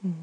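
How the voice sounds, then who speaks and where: Warm slow-whispering woman. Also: a little hiss or hum. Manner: soft comforting whisper. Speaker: ASMR performer. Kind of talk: ASMR comfort roleplay.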